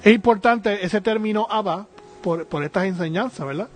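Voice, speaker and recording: High-voiced earnest male Bible teacher. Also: normal speed, faint music behind. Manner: earnest, with frequent hesitant fillers and repeated "right?".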